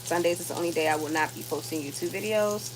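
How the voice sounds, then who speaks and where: This fast-talking woman in her thirties has a fairly low pitch. She's a vlogger chatting to viewers in her home kitchen, sounding worn out and rambling with plenty of fillers, while food sizzles in a pan behind her.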